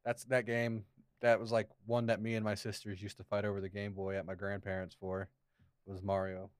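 A man's voice: lowish voice, completely flat delivery, brisk, clear, resonant tone, no echo, clean studio sound. A man co-hosting a casual gaming podcast, making jokes and short quips. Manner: jokey, laughs often, short quips. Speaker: podcast co-host. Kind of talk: casual chat.

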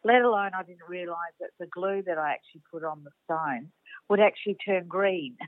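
A woman's voice: lowish voice, a little fast, no echo. An older woman from Australia, a guest telling rambling stories in a casual chat over the phone. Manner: rambling storyteller. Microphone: phone call. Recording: dry tinny phone line.

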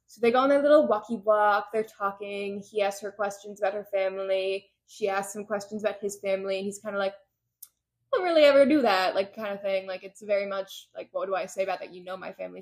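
A woman recaps a novel for her co-hosts in relaxed, easygoing chat. She slips into brief quoted lines and fills the gaps with plenty of "like" and "um." Her voice sits at an ordinary middle pitch. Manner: retells scenes with quick quoted voices, lots of fillers. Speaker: podcast co-host recapping a book. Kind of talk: casual chat.

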